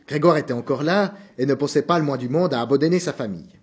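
A man narrating a novel in a measured, subdued reading voice. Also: medium pitch, a little mellow, a little hiss or hum.

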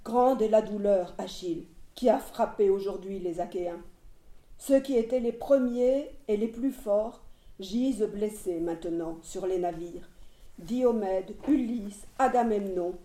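A woman's voice: medium pitch, warm tone, close to an everyday voice. A woman reading the lines of a tearful young male warrior who pleads earnestly. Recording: roomy echo.

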